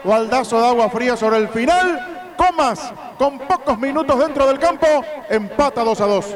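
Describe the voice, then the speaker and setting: A man giving excited football match analysis, recapping play step by step with emphasis. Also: extremely high pitch, normal speed, crowd noise.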